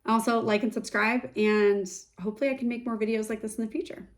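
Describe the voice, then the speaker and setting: A woman's voice: on the high side, fairly even intonation, fast talker, a little hiss or hum. A woman in her thirties, a startup founder, talking openly and reflectively in a casual to-camera vlog. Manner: open, reflective, chatty. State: sick, congested voice.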